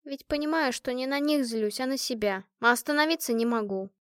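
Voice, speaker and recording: A woman's voice: high voice, a little fast, dry recording, clean studio sound, pitched above the performer's own voice, lightly acted. Woman voicing a worn-out tough orphan girl soldier. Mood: weary bitter. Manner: bitter, tearful, coarse.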